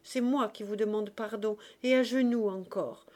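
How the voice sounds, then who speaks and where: A woman's voice: mid-range voice, normal speed, warm tone, close to an everyday voice. A woman reading the part of an earnest young man, urgently pleading in a raised voice. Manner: insistent, raised voice.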